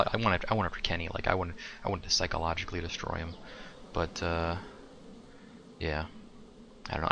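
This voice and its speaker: Deep-voiced man ranting sarcastically. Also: vocal fry, sharp tone, slight background noise. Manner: sarcastic, rambling, lots of fillers. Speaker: podcast host. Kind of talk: casual opinion rant.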